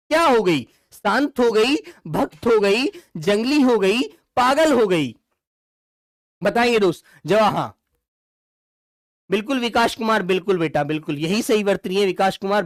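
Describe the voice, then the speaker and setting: A man's voice: high-pitched, dry recording, clean studio sound. A man teaching in a live online exam-prep lesson. He talks affectionately to his students as dear children and answers their comments as he goes. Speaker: Hindi teacher.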